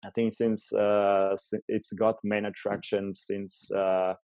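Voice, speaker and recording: Low, mellow, hesitant male host. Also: level tone, slow, clear, resonant tone, dry recording, dull audio. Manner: hesitant, many fillers. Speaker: interview host. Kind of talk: casual interview talk.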